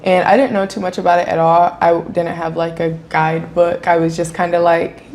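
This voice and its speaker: A woman in her twenties from Toledo, Ohio, a freelance model, talking casually as an interview guest, relaxed and chatty with lots of "like" and "um". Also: lowish voice, brisk, a little hiss or hum. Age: 20s. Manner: relaxed, chatty, many "like" and "um" fillers.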